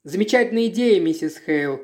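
Timid, soft sheriff's wife, as the narrator reads her, lively pitch. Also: brisk, close to an everyday voice. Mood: eager.

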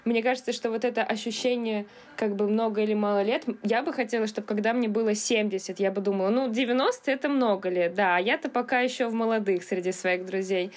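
A woman's voice: medium pitch, steady tone, fast talker, hardly any pauses. A woman in her twenties, a PR manager guesting on a podcast, chatty and laughing easily. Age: 20s. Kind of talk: casual podcast chat.

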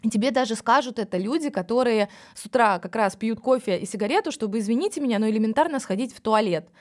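A woman's voice: a little high, animated, quick pace, darkish tone. A woman, a psychologist, explaining things in a podcast, speaking frankly and addressing the listener directly.

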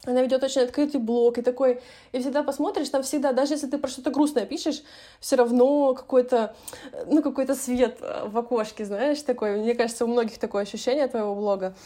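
A woman's voice: a little high, steady tone, quick pace, dark tone. A woman in her late twenties hosting a podcast, chatting casually with many fillers and hesitations. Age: 20s. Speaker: podcast host.

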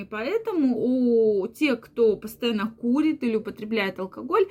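A woman with a fairly high voice talks viewers through a health problem in an explanatory way. She keeps tucking little filler words into her sentences as she goes. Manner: frequent fillers and repeated "yes", "that is". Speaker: health adviser.

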